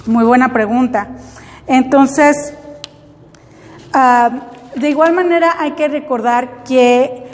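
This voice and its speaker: High-voiced, slow, patient woman teacher. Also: big-room sound. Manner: patient, explains step by step with checking questions. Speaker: English teacher. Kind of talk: classroom grammar lesson.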